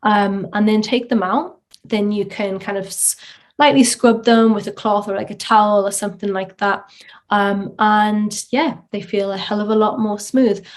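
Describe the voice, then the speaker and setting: A woman hosting a casual solo podcast, chatty with many filler ums and restarts, heard through low-quality microphone audio. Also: steady tone, moderate pace. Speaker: podcast host.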